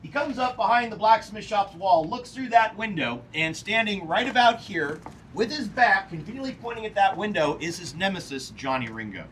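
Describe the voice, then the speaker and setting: A man working as a tour guide and historian, telling animated stories with playful asides outdoors on a film set. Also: high voice, normal speed, distant mic, slight background noise, poor audio. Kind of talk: guided tour talk to a small group.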